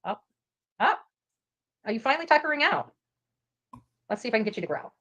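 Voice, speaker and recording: A fairly high, slightly bright voice with a sing-song lilt belongs to a woman doing true crime commentary on a livestream. She talks fairly quickly, chats casually between case points, and is emphatic, repeating her phrases often.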